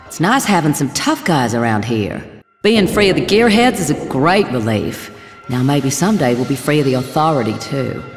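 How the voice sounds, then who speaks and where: Deep-voiced, earnest townswoman. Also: sing-song, normal speed. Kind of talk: video game character dialogue. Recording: echoey hall-like reverb, faint music.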